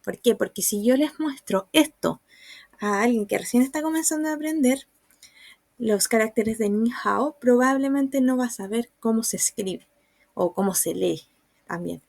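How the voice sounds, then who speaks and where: A woman's voice: fairly high pitch, lively intonation, creaky, a little mellow, no echo. A woman, patiently explaining sounds and writing in a recorded online lesson. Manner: slow, patient explaining with examples. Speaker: Mandarin teacher.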